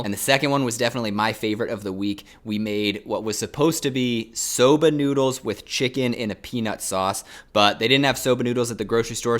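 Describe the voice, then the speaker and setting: Low-pitched man in a casual vlog. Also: a bit bright. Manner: conversational, methodical step-by-step recounting. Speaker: vlogger, amateur runner. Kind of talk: casual vlog monologue, recapping a week.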